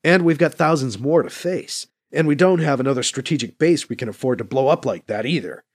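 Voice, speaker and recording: B C: a man doing a stern, measured commander. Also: mid-range voice, expressive, dry recording, clean studio sound, natural voice. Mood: somber. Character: steady, cautious male commander.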